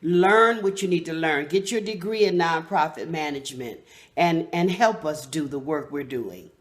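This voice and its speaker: A woman's voice: deep voice, normal speed. A woman who leads a nonprofit, speaking in an earnest, encouraging, slightly preachy way in a casual interview. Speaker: nonprofit leader, guest.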